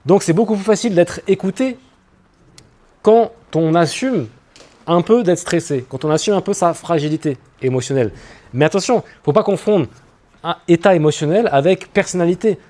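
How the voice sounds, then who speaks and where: A man coaching an audience on public speaking, talking in a lively, animated way with spoken asides. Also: sits high, normal speed. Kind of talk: talk to an audience on stage. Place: room with an audience.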